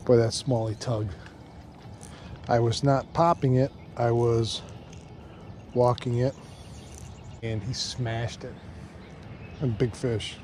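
A man's voice: mid-range voice, takes it slowly, pauses often. A man in his thirties talking casually about fishing as he casts from a lake dock, recorded on an action camera. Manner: chatty, excited when fish strike. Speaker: fishing channel host. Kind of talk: casual fishing vlog narration. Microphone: action camera, chest-mounted then on a stand. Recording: outdoor camera mic with noticeable background noise.

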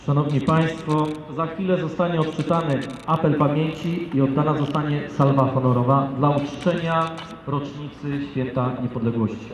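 A man announces formally as master of ceremonies in a slightly high voice. He sounds far from the microphone, with clear echo around him. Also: fairly even intonation, normal speed. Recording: distant, echoey square with faint noise.

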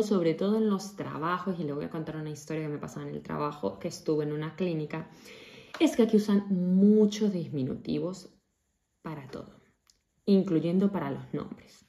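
A young woman from Latin America, chatting casually to her followers in a vlog and acting out quoted voices with lively expression. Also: low-pitched, moderate pace, vocal fry. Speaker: vlogger.

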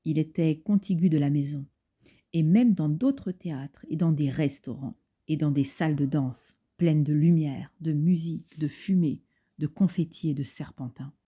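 A woman narrates a novel for an audiobook with a measured, even delivery. Her voice is low, deeply mellow and slightly husky. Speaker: audiobook reader. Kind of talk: scripted narration.

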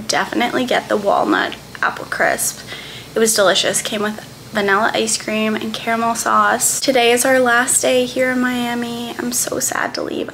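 A woman in her twenties chatting to a phone camera at arm's length in a hotel room, upbeat and quick with recommendations. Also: mid-range voice, creaky, a bit bright, slight background noise. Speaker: travel vlogger. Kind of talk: casual vlog chat to camera.

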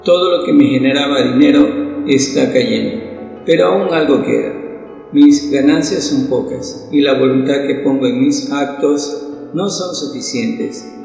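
Man, recited prayer, solemn and pleading, gravelly voice, very echoey long-reverb room. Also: medium pitch, highs cut off. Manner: solemn, pleading, measured delivery. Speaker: prayer reader. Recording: very echoey reverberant room, soft guitar behind.

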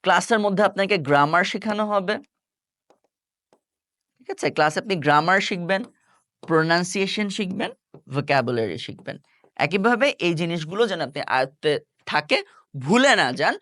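Man teaching with lively, animated pitch. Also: fairly quick, long pauses, dry recording, clean studio sound. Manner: explains step by step, asking the viewer rhetorical check questions. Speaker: English teacher. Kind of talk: online lesson.

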